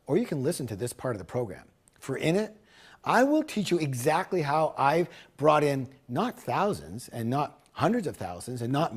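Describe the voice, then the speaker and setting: A man pitching a business course as a seminar speaker, emphatic and salesman-like, repeating key words for punch. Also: a little mellow, breathy edge.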